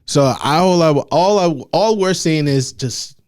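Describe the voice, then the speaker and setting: A man with a fairly high voice co-hosting a casual podcast chat. He talks bluntly and jokes around, laughing often between his points. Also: a little slow, a little mellow, smooth. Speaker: podcast co-host.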